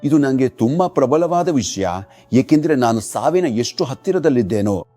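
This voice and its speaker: A man's voice: mid-range voice, lively intonation, normal speed, mellow, faint music behind. A man delivering a dubbed sermon voice-over in an earnest preaching manner. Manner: earnest preaching, repeated commands.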